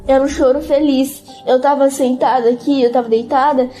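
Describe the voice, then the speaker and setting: A high-voiced woman tells of a religious experience in a halting, repetitive way, her voice often close to tears. Her tone is dark and mellow despite the high pitch, and faint music plays behind her. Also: fairly even intonation. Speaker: interviewee giving a religious testimony. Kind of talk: emotional spoken testimony.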